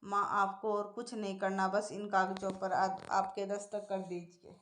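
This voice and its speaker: A woman's voice: medium pitch, little pitch movement, normal speed, close to an everyday voice. A woman doing a scheming grown son. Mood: coaxing. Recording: echoey room.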